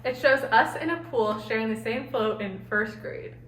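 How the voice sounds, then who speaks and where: A woman's voice: on the high side, moderate pace, a bit bright. A teenage girl co-hosting a student news segment, cheerfully reading scripted captions. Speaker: segment co-host. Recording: echoey room, distant mic, faint noise.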